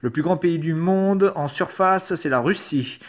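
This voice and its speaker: A man's voice: on the high side, measured pace. A man reading quiz questions aloud in a casual commentary video, sarcastic and hesitant, swearing now and then. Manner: reads quiz questions aloud and answers them. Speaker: YouTuber. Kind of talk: casual screen-recorded commentary.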